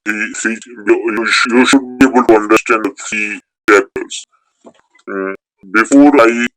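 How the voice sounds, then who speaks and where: A man's voice: fairly low pitch, a bit bright, low-quality recording. A man teaching a beginners' Sanskrit class, explaining rules step by step and repeating key points. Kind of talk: online class lecture.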